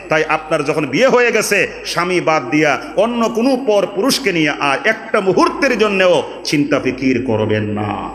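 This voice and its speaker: A man from Bangladesh preaching to a large gathering in a raised, fairly high voice. He chants his quotations in a sing-song, climbs to ringing calls, then drops into low asides. The sound rings out with a long reverb. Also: fairly bright tone. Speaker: Islamic preacher. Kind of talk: sermon at an open religious gathering.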